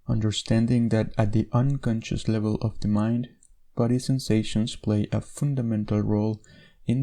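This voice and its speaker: A man's relaxed, fairly low voice, with a distinct creak to it, guides a meditation session. Every instruction is given in a measured manner, and he leaves soft gaps between phrases.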